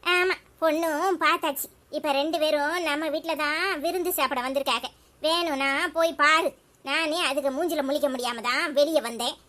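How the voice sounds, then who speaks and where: A woman's voice: high-pitched, steady tone, moderate pace, sharp tone. A woman with a Tirunelveli Tamil accent voicing a stubborn young married woman in a cartoon, speaking curtly and defiantly. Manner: curt, defiant.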